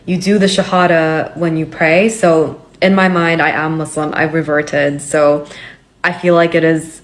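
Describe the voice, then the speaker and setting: A woman's voice: low voice, little pitch movement, a little slow. A young woman from Hong Kong, a vlogger telling her personal story in a candid, chatty way with many fillers. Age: young adult.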